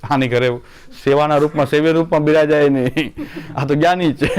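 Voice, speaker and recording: A man's voice: fairly high pitch, steady tone, normal speed, clear, resonant tone. A middle-aged man giving a devotional talk, telling folksy anecdotes and acting out the dialogue with frequent laughter. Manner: folksy storytelling, acts out dialogue, laughs often. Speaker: devotional speaker.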